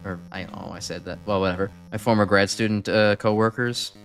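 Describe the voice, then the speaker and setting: A young Chicago man with a Chicago accent chats casually on a game stream, rambling, correcting himself and chuckling. His voice is lowish and brisk with vocal fry and fairly even intonation, and faint music plays behind him.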